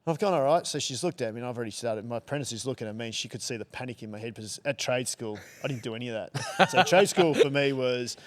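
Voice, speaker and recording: A man's voice: medium pitch, quick pace, few pauses. A middle-aged Australian man, a hairdresser guest on a podcast, telling a casual story with swearing and laughs. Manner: lively anecdotes with swearing and laughs. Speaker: guest, hairdresser and salon owner.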